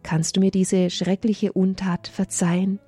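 A mighty lion, now humbled, speaks slowly and tenderly with regret, as a woman puts him on in a storybook reading. The voice stays close to her own, mellow and a little husky. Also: medium pitch, level tone, soft background music. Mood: remorseful. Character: remorseful lion king, tender and slow.

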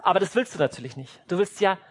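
An emphatic preacher delivers a sermon with a husky voice and a very animated pitch. The speaker illustrates points with everyday family scenes and acts them out now and then. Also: fast talker.

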